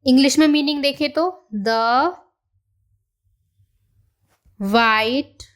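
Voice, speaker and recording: A woman teacher giving a beginner language lesson, saying each new word slowly and repeating it for learners to echo. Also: sits high, fairly bright tone.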